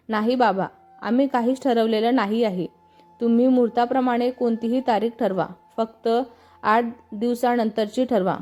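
Higher-pitched woman narrating a family story. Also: mellow.

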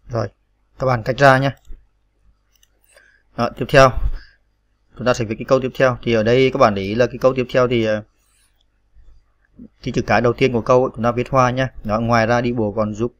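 A man's voice: mid-range voice, steady tone, a little fast, long pauses, no room sound. A man teaching typing step by step, patiently spelling out each key with frequent fillers. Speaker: computer tutorial instructor. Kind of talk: step-by-step screen tutorial.

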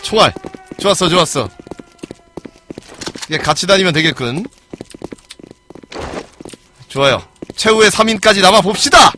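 A man streaming a game live and commenting as he plays, excitable, swearing and yelling at other players. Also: high voice, normal speed, long pauses, faint music behind.

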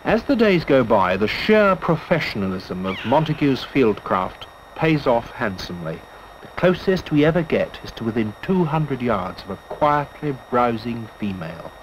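A man narrating a nature documentary from a script, telling the expedition in measured, literary first-person style. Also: mid-range voice, sing-song. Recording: dull lo-fi old film soundtrack with hiss.

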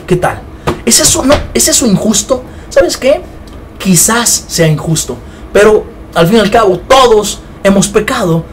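A man's voice: high voice, a little hiss or hum. A man giving an informal Bible teaching, talking conversationally and often checking in with his listeners. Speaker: preacher.

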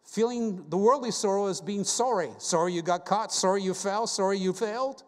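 Man, guest preacher, high voice, earnest rhetorical questions, long church reverb. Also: moderate pace. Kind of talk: sermon. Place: church sanctuary.

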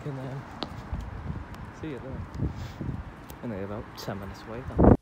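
A man giving casual vlog commentary outdoors, talking quietly and awkwardly with a self-deprecating manner. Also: mid-range voice, moderate pace. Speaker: vlogger. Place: outdoors in wind on open grassy shoreline and streets. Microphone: handheld phone. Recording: windy outdoor phone recording, heavy noise. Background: loud wind noise.

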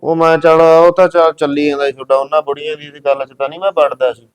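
A man's voice: on the high side, flat delivery, fast talker, smooth, natural voice. A man playing a hot-tempered young husband who sides with his mother in a family drama. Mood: stern. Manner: blunt, scolding. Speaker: son and husband.

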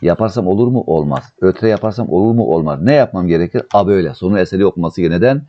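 A man with a very low, deep voice teaches a grammar lesson, putting questions to his class and answering them himself. He drags each word out slowly whenever he reads a model sentence. The audio sounds dull and muffled. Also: expressive. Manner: explains step by step, asks and answers his own questions; slows right down when reading out model translations. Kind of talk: recorded online grammar lesson.

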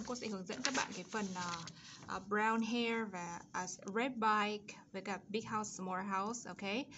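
A woman teacher walks young learners through an English exercise, drawing out English words and their sounds so each one is clear. The recording is a little dull, with a faint hiss behind her. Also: mid-range voice, a bit bright. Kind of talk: explaining an English lesson for children.

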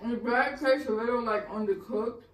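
A woman's voice: fairly high pitch, moderate pace, a little hiss or hum. A young woman in casual food-review chat, muffled behind her hand, hesitant with many fillers as she tastes food. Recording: roomy echo, from far off the mic.

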